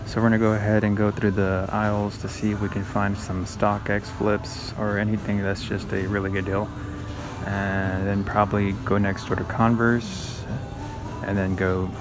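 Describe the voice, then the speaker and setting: Easygoing low-voiced man vlogging. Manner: easygoing, chatty, many "go ahead" and "uh" fillers. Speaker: sneaker reseller vlogger. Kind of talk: casual vlog narration. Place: parked car and retail stores. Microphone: phone held at arm's length.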